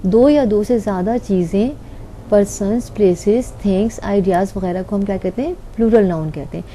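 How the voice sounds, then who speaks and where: A woman's voice: mid-range voice, normal speed, dark tone, slight background noise. A woman teaching an online grammar lesson, patiently explaining and answering her own questions.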